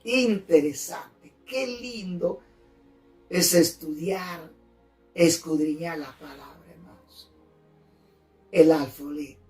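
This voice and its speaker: Male pastor, earnest sermon teacher, slow and emphatic, roomy distant sound. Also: a little high, darkish tone. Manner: fervent, deliberate, repeats and spells out key words. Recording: roomy, distant mic, faint music.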